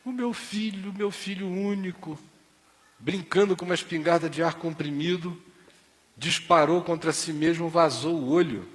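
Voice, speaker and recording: Brief: a preacher putting on a weeping older shop owner, pitched high, pleading, long hall reverb. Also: male voice, normal speed, lightly acted. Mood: distraught. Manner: pleading and tearful.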